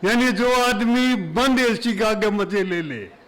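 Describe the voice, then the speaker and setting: A comic poet from Haryana performs on stage in an auditorium, telling folksy jokes and humorous verse into a mic before a live audience in his Haryanvi accent and dialect. His voice sits high and is a bit bright, moving slowly and chattily, though the recording is low quality.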